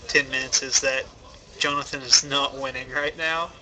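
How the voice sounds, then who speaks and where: A man's voice: mid-range voice, fairly even intonation, normal speed, pushed and bright, low-quality recording. A man co-commentating in an easygoing, casual way, mostly giving brief agreeing replies. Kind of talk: casual chat. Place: game store.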